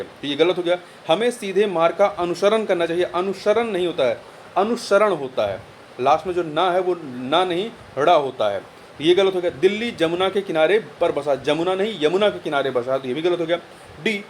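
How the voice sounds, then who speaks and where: A man's voice: fairly high pitch, slight background noise. A man working through a Hindi spelling test as a tutor, repeating each word and spelling out the corrections. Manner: explains corrections by repeating words and spelling them out. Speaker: exam tutor. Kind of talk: exam answer walkthrough.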